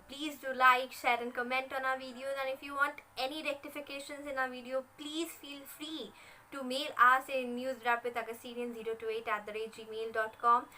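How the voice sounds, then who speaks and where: Sharp, high woman closing a video. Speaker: host. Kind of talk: signing off a video.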